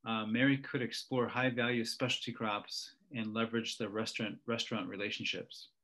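A man's voice: on the low side, little pitch movement, moderate pace, bright, forceful tone. A man moderating a webinar, reading audience questions aloud with brief acknowledgements in between. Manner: brief, reads questions out, then short acknowledgements.

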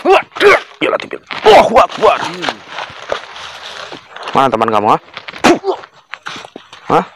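Lively high-voiced argumentative man. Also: slow pace, noisy background. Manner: insistent, argumentative. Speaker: companion of a visitor. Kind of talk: heated argument.

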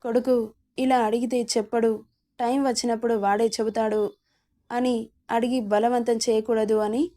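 Woman storyteller, serial drama narration, soft mellow tone, even delivery. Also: a little high, normal speed. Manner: steady reading pace, voices every character herself.

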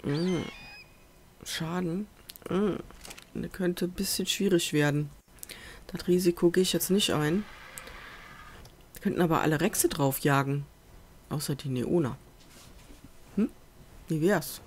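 Seated at her home computer, a let's play gamer offers relaxed, rambling commentary on a survival game, talking to herself and coaxing the animals on screen. Her voice is on the low side, measured and broken by long pauses, recorded on a USB desk microphone. A faint hum sits behind her, and faint festival noise filters in from outside.

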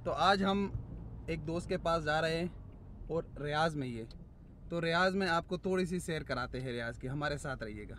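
A man's voice: a little high, normal speed, fairly bright tone, slight background noise. Chatty young man vlogging on his phone. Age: young adult. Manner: chatty, teasing his friends. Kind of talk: casual vlog narration to camera. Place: car, then large supermarket indoors. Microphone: handheld phone at arm's length. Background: background music.

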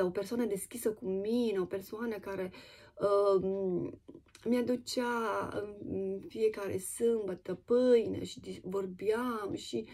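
A woman from Romania telling a personal testimony in a casual, animated way, with many fillers and restarts. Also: on the high side, slightly rough.

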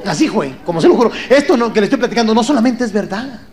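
A man with a Mexican accent doing live stand-up comedy, teasing the audience and breaking into shouted impressions. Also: sits high, expressive, racing. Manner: rowdy, teasing crowd work, bursts of shouted impressions. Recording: live show with loud crowd and noise. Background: loud audience laughter.

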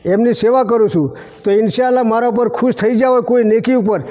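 A man's voice: very high voice, steady tone, fairly quick, dark tone. A man, a shrine caretaker telling pious stories full of quoted dialogue. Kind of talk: storytelling interview. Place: outdoors at a village shrine.

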